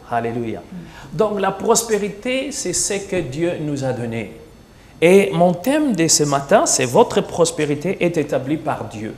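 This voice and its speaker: Gravelly preaching man in a roomy studio. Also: a little high, a little mellow. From United States. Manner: preaching, rising to emphatic peaks. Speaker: pastor. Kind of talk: sermon on a TV morning show.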